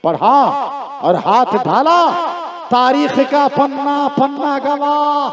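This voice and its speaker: A high-pitched male preacher tells a story at an unhurried pace, acting out each character and building up to shouts. A large crowd can be heard clearly around him at the open-air gathering. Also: roomy sound. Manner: animated storyteller voicing characters, rising to shouts. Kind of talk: storytelling sermon.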